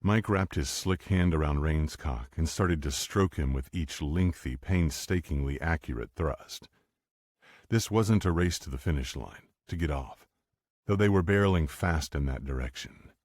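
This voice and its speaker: Very deep-voiced male audiobook narrator. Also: unhurried, a little mellow, no room sound, studio quality. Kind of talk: scripted narration.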